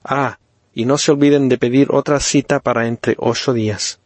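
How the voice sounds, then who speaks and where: A man playing a solemn, pompous doctor who lectures gravely with theatrical pauses. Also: mid-range voice, fairly even intonation, dry recording, natural voice. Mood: grave lecturing. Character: solemn middle-aged male doctor, pompous.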